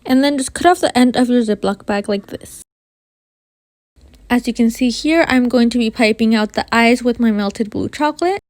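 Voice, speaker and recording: Lady doing a casual baking how-to, kinda high voice, bit of a lisp w whistly s, super dry sound. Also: normal speed, a little mellow, no room sound. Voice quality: slight lisp with whistling s from new braces. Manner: addresses viewers informally as you guys. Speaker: baking video host. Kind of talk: scripted how-to narration, friendly tutorial.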